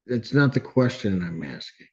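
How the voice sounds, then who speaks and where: Speaking at normal speed in a lowish, very animated voice, a man presiding as judge questions firmly and keeps breaking in with "ma'am." The courtroom recording is dull.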